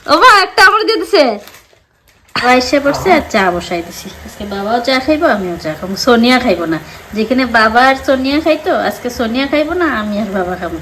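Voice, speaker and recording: Chatty woman vlogging fast at home. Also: on the high side, animated, fairly bright tone, a little hiss or hum. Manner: chatty, talks straight to viewers in colloquial dialect. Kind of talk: casual home vlog chat.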